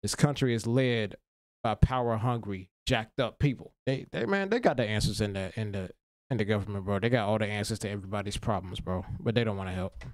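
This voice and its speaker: A man's voice: on the low side, a little fast. Laid-back rambling man reacting casually. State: tired after work. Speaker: reaction video host.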